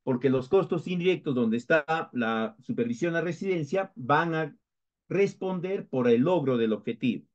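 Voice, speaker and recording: A man's voice: a little high, animated, moderate pace. A man with a Peruvian Spanish accent teaching a lecture, explaining step by step with frequent hesitations and restarts. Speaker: instructor. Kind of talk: recorded lecture. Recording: dull lo-fi lecture recording.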